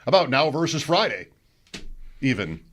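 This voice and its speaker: A man hosting a sports talk radio show, delivering promos and station breaks in a smooth radio-host manner. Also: medium pitch, sing-song, normal speed.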